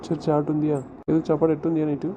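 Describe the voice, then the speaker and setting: Fast-talking husband on a noisy call. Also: male voice, fairly high pitch, completely flat delivery. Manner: teasing, bossy, gives repeated instructions. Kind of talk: casual phone conversation.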